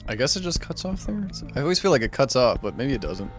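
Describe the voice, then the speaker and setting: A man's voice: medium pitch, sing-song, fast talker, faint music behind. A male streamer casually thinking aloud while playing a game, rambling and unsure, with lots of "like". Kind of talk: casual gameplay commentary.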